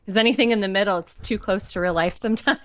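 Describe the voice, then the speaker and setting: A woman's voice: medium pitch, expressive, brisk, no room sound, highs cut off. A woman guesting on a podcast, getting over a cold and sounding congested, joking and teasing in casual chat. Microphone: new studio microphone.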